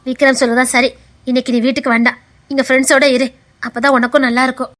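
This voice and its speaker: A woman's voice: sits high, flat delivery, fairly bright tone. A woman playing a bossy, caring elder sister-in-law. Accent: Tirunelveli Tamil. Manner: scolding, motherly, brisk. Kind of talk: web series acting.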